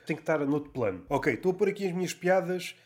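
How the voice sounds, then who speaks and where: A man's voice: on the high side, lively intonation, fast. A man in casual conversation, thinking aloud in colloquial language. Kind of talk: casual chat.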